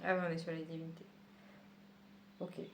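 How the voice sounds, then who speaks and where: A woman's voice: low voice, monotone, fairly quick, vocal fry. Chatty woman vlogger unboxing books. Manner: chatty, with many fillers and small laughs. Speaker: book vlogger. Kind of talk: casual unboxing chat. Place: home.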